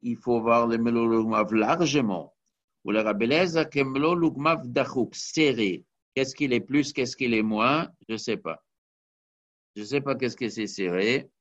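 A man's voice: medium pitch, unhurried. A man teaching a Talmud study lesson, explaining step by step and weaving Hebrew and Aramaic terms into his talk. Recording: dull lo-fi recording.

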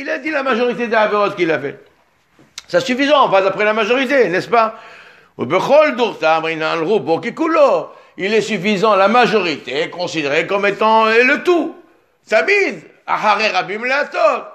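A man teaching an animated Torah lesson, reading Hebrew sources and explaining them with emphatic bursts. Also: high-pitched.

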